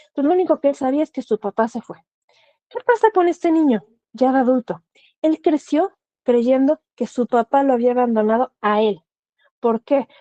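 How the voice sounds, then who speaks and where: A woman explains things earnestly, her voice pitched a little high with a soft, mellow tone. She speaks in a dry, close-miked sound that is a bit dull and lo-fi. She often poses questions and then answers them herself. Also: dry recording. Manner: earnest, advising directly, frequent rhetorical questions. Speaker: thanatologist. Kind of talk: explanatory talk.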